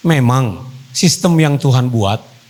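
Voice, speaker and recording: A male pastor giving a wedding sermon to a couple. He repeats key phrases for emphasis and moves between quiet counsel and raised preaching. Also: mid-range voice, expressive, takes it slowly, low-quality recording.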